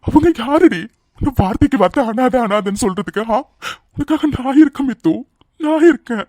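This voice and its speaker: A devoted young man pleads and insists at a rapid clip. His lines in this cartoon dub come out dry and close, with no room sound around them. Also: high voice, darkish tone, no echo. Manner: pleading and insistent, speaks fast. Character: devoted, protective young man, fiery in love.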